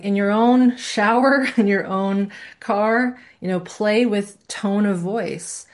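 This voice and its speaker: Woman teaching a class, kinda low voice, chatty, keeps asking the group if it makes sense. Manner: conversational, asks the class questions, demonstrates voices. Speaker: course instructor.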